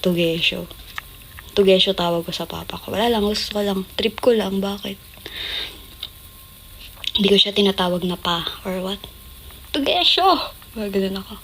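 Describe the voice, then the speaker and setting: A woman's voice: mid-range voice, a bit bright, slight background noise. A young woman telling stories on a casual livestream, laughing often and acting out quoted lines in a raised voice. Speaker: idol group member on a livestream.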